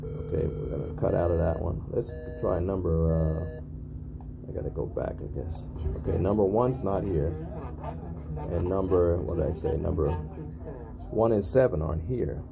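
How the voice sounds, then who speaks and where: Music plays in the background as a man with a low, gravelly voice narrates an intercom test at a building's entry panel. He speaks at normal speed, casual and matter-of-fact, repeating himself and often checking in with short tag questions.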